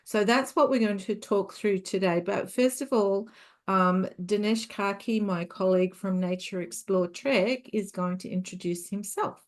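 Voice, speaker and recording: A woman hosting an online webinar speaks in a relaxed way on a video call. Her voice sits at a middle pitch, and she fills pauses with ums and uhs. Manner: relaxed, with frequent fillers. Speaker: business coach hosting a webinar.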